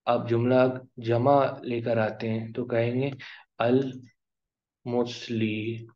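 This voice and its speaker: A male teacher explaining grammar in a classroom lesson, drawing out each example word slowly. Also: mid-range voice, little pitch movement. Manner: slow, drawn-out pronunciation of example words. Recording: dull lo-fi recording.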